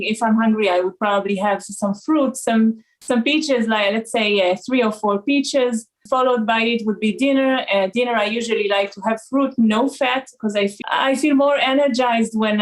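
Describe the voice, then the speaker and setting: A woman in her forties from Israel with an Israeli accent, a raw food consultant talking as a guest in a casual interview, pausing often with uh and um. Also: fairly high pitch, poor audio. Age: 40s. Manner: hesitant, many uh and um fillers.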